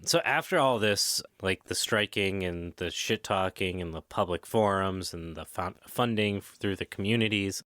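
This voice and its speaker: A man's voice: deep voice, normal speed, few pauses, fairly bright tone, dry recording, studio quality. A man hosting a podcast, recounting history in a casual, jokey way with swearing and tangents. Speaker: podcast host.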